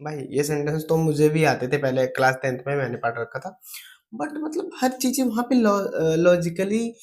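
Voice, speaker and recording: A man's voice: on the high side, lively intonation, normal speed, darkish tone. Mocking, laughing male reaction commentator. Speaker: meme reaction channel host.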